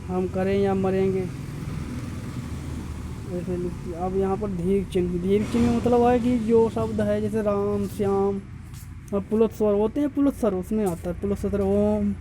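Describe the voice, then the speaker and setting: A man's voice: high-pitched, fairly even intonation, normal speed, background noise. A male teacher giving an exam-prep grammar lesson, repeating points and correcting himself often as he explains step by step.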